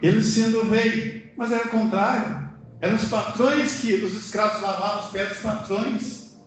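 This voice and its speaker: At an indoor church service with music in the background, a middle-aged Brazilian man serving as preacher and church elder speaks conversationally, emphatically raising questions and answering them himself. His voice sits high and stays steady at normal speed, and the hall is very echoey.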